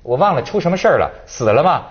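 A quick-talking man on a TV talk show, his pitch leaping around as he acts out a phone call in the story. His voice sits a little high for a man. The broadcast audio is slightly muffled. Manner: animated storyteller, acts out dialogue. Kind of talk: casual chat.

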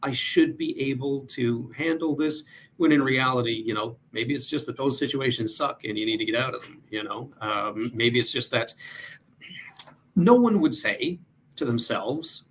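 A man's voice: medium pitch, expressive, moderate pace, a bit bright, a little hiss or hum. A man speaking as a mental health guest in a casual interview, earnest and thoughtful, with frequent fillers.

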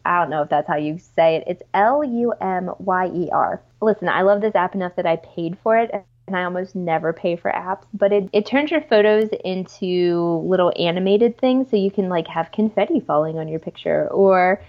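A woman's voice: lowish voice, moderate pace, few pauses, dull audio. A woman chatting casually as a podcast guest, informal and enthusiastic, with plenty of "like" and "you know". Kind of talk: casual, chatty interview conversation.

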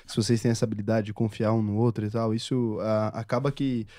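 Fast-talking, slangy Brazilian podcast host. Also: male voice, on the low side, flat delivery, mellow, no echo, clean studio sound. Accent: Brazilian Portuguese. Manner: informal, swears freely. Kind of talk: casual podcast chat.

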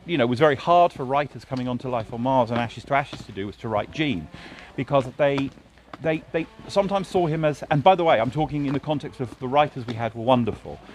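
This man, a TV drama writer, talks in a quick, animated, mid-range voice during a casual, reflective conversation beside a road. He uses lots of fillers and restarts, and faint street noise with passing traffic runs underneath.

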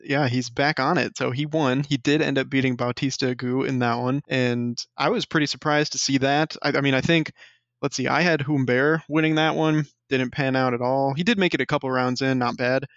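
A man co-hosting a casual sports podcast, talking in a relaxed, joking way. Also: mid-range voice, a little fast, no room sound, muffled recording. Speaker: podcast co-host.

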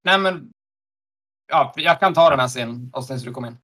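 A man in casual conversation, recapping scenes in a relaxed, unhurried way. He laughs often and pauses on fillers as he thinks. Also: mid-range voice. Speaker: podcast co-host.

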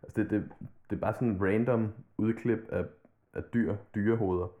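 A man's voice: lowish voice, steady tone, mellow. A man chatting casually on a podcast, rambling loosely and swearing freely. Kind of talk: casual chat about hip-hop. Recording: tinny phone-like line.

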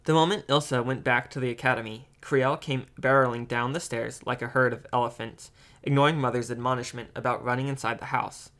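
A man reading an amateur audiobook, halting with ums and self-corrections. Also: medium pitch, steady tone, a bit bright. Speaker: audiobook reader.

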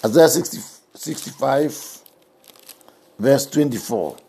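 A man preaching a sermon, emphatic and repetitive, swinging between raised passages and soft, intimate ones. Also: medium pitch, lively intonation, slow, a little hiss or hum.

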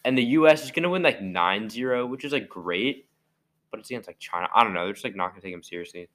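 Young dude cohosting a podcast, kinda low voice, rambly and snarky. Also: male voice, expressive, fast, fairly bright tone. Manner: rambling, filler-heavy, mocking. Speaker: podcast co-host. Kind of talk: casual chat.

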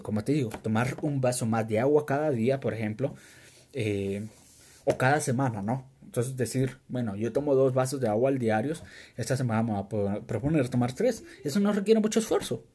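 A man's voice: mid-range voice, mellow, breathy edge. A man giving an encouraging, conversational motivational talk, often repeating key words for emphasis. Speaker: self-help speaker.

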